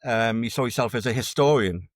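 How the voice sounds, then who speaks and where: A man's voice: mid-range voice, a little fast, dry recording. A man being interviewed as a researcher, explaining ideas in a conversational academic way and often repeating words as he restarts. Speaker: dark tourism researcher, guest.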